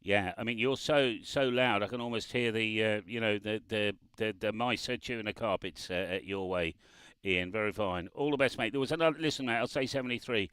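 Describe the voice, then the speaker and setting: A ham radio operator chats casually over amateur radio from a remote setup in a car parked by the road, laughing often and spelling out call signs. His voice is fairly low, brisk, clear and resonant with a fairly bright tone, and there's no room sound.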